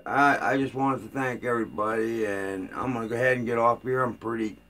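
A man's voice: mid-range voice, a little fast, sharp tone. An older man chatting casually to camera as a vlogger, rambling loosely with plenty of fillers and restarts, and sounding tired. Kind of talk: casual rambling vlog chat.

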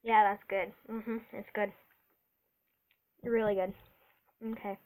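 A woman's voice: mid-range voice, level tone, takes it slowly, darkish tone, low-quality recording. A woman vlogging a casual taste test, chatty and eager, reacting aloud as she tries each one.

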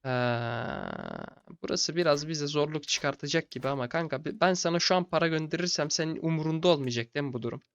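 A young man narrates his strategy game in a tired, laid-back way, since he is recording late at night. He chats to the in-game characters as if they were his buddies. His voice sits a bit higher than most men's. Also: brisk, vocal fry, clear, resonant tone, no echo, dull audio. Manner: relaxed and low-key, talks to game characters as buddies. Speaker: gaming channel host. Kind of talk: casual strategy game commentary.

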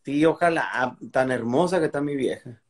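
A man's voice: mid-range voice, normal speed. A Mexican man in his forties hosting a live video call, joking crudely and swearing a lot while chatting and telling a joke. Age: 40s. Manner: crude, joking, heavy profanity. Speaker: host of a live video chat. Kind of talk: casual chat and joke telling. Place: indoors at home.

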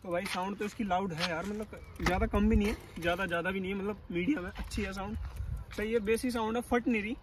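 A man's voice: high voice, fairly even intonation, quick pace. A young man giving a casual, chatty walkthrough of a motorbike for his vlog, talking to viewers and his cameraman outdoors at dusk. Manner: chatty, addresses viewers as bhai, directs cameraman. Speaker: bike vlogger. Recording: faint outdoor street noise.

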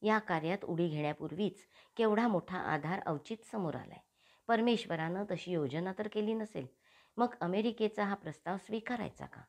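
A woman's voice: mid-range voice, normal speed, a little mellow, lightly acted. A woman voicing an earnest, compassionate male spiritual thinker in an audiobook, pleading in inner monologue. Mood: reflective. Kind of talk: audiobook character reading.

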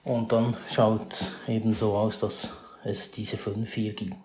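A man's voice: on the low side, little pitch movement, slow pace, darkish tone, echoey room. A man teaching a math lesson over a screencast, explaining step by step with fillers and self-corrections.

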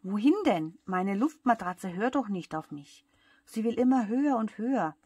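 A woman voicing a cheeky young boy in a bedtime story, with a breathy voice. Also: mid-range voice, animated, unhurried, no echo, studio quality. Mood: panicked. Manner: mocking, shouting.

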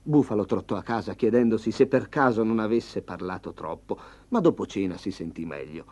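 A man reading a storybook aloud in an expressive, dramatic way. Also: fairly low pitch, fairly quick. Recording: slightly dull lo-fi.

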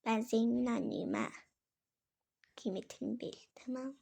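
A woman's voice: on the high side, a little slow, vocal fry, warm tone, husky, exaggerated voice. A woman doing a flustered, scatterbrained toy mother. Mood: fussing. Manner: exclamatory, scolding, self-mocking. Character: flustered scatterbrained mother shopping with her daughter. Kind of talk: toy play role-play.

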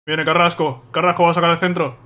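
A man calling live football matches for his stream, excitable and quick to shout and laugh when goals go in. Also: on the high side. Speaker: stream host reacting to football. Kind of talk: live football reaction commentary.

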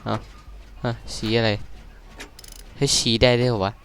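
A young man giving casual, excitable game commentary, swearing crudely and yelping at scares. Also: medium pitch, unhurried, slight background noise. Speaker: gaming streamer.

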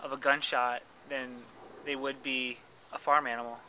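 A man's voice: mid-range voice, flat delivery, normal speed, noisy background. A man interviewing an urban farmer, asking long, probing questions. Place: outdoors in a city garden.

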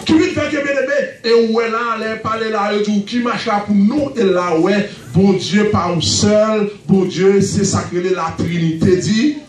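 A man with a Haitian accent preaching a fervent sermon, breaking into shouted bursts and returning to a repeated refrain. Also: high voice, fairly even intonation, a little slow, hardly any pauses. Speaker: pastor. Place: church sanctuary. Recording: echoey church recording from far off.

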